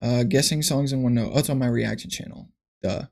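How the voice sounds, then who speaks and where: A man chatting on a casual livestream, musing aloud and restarting his sentences as he goes. His voice sits at an ordinary middle pitch. He talks into a desk mic at his computer. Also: a little fast, creaky, darkish tone. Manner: thinks aloud, rambling with restarts. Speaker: streamer.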